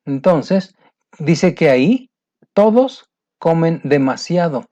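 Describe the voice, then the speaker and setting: Male exam-prep teacher, Mexican Spanish accent, slow and patient, step-by-step explainer, mellow tone. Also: a little high, expressive. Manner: patient, talks the student through each step, repeats "mira". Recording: dull lo-fi sound.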